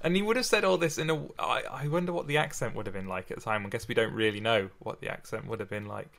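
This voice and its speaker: A man's voice: lowish voice, fast, vocal fry, a bit bright. A man co-hosting a casual chat about poetry, hesitant and repeating his words. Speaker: podcast co-host. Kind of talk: casual literary discussion.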